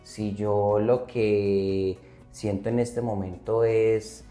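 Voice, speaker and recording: A man's voice: lowish voice, steady tone, very slow, mellow, roomy sound, soft background music. A man hosting a podcast interview, thinking aloud hesitantly with restarts as he paraphrases. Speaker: podcast host. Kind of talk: conversational interview questions.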